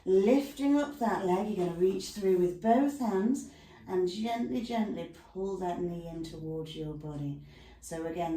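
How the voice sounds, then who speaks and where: A woman talks a class through guided stretches from home, a dog nearby, chatting and adding asides between the cues. Her voice is lowish and warm. The recording has slight background noise, room echo, and a far-off mic.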